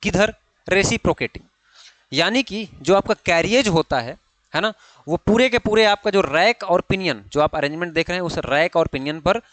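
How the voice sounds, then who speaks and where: Male lecturer, slightly high voice, dry close mic, repetitive question-and-answer teaching. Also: animated, moderate pace, a bit bright, no echo. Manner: frequent checking tags, repeats key terms. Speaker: ITI fitter exam teacher. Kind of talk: online classroom lecture.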